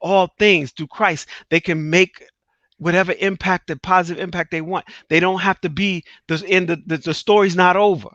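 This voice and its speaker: A man's voice: high voice, fairly even intonation, moderate pace, a bit bright, no room sound. A middle-aged man hosting an interview, speaking earnestly and testifying from his own life with emphatic repeats. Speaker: host. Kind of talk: casual interview talk. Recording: dry, slightly dull sound.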